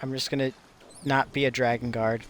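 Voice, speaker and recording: A man's voice: mid-range voice, flat delivery, a little fast, a bit bright, slight background noise. Playful, rambling male game streamer. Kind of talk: casual chat while gaming.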